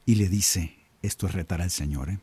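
Husky-voiced man leading prayer. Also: low-pitched, normal speed, dry recording. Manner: animated, acts out quoted voices, addresses listeners as brothers and sisters. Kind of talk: prayer reflection addressed to listeners. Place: own recording studio.

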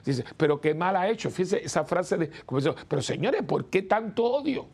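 Gravelly-voiced priest talking with his listeners. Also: sits high, expressive, normal speed, a little mellow. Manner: chatty, asks the listeners rhetorical "¿no?" questions; acts out the people he quotes. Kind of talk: conversational preaching talk.

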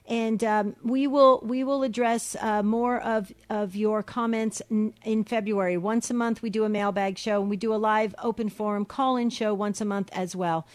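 A woman's voice: medium pitch, fairly even intonation, normal speed, hardly any pauses. A woman co-hosting a call-in radio show, reading listener questions aloud and answering them in a chatty way with many fillers and restarts.

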